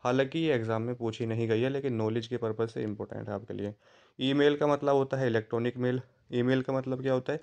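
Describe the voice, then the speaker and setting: A man's voice: medium pitch, fairly even intonation, quick pace, gravelly, darkish tone, clean tone. A man teaching an exam-prep lesson online, repeating key terms and checking in with his students. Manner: repetitive, stresses key terms and checks in with "theek hai".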